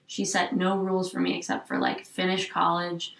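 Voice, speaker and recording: Speaking with a fairly low, gravelly voice and a fairly bright tone, this young woman in her twenties is very animated at normal speed. She's a guest in a candid interview, musing in a rambling, reflective way and leaning on "like" often. A distant mic in an echoey room leaves her a bit off-mic.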